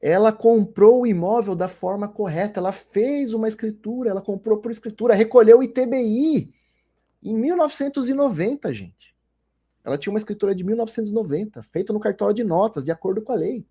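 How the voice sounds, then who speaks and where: Husky Brazilian man lecturing on law. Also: high voice, a little fast, mellow. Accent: Brazilian Portuguese. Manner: explanatory, rhetorical questions, frequent "tá?" and "gente". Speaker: law lecturer, former notary clerk. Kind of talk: recorded online lecture.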